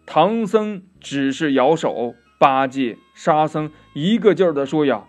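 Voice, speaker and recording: A man narrating a children's story in a slow, expressive telling style. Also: on the high side, faint music behind. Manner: slow, expressive, drawn-out "呀" endings.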